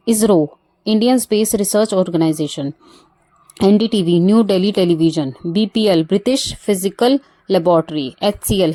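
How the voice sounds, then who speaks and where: A woman with an Indian accent teaching English vocabulary in Hindi. She lists words, explains each with everyday examples, and reads the English phrases slowly and clearly. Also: mid-range voice, darkish tone.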